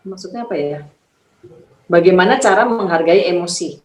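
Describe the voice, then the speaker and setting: A woman's voice: lowish voice, normal speed, a little mellow, reverberant, rough recording. A woman hosting a casual live-stream interview, chatty and agreeable with plenty of fillers. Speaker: host of an online talk.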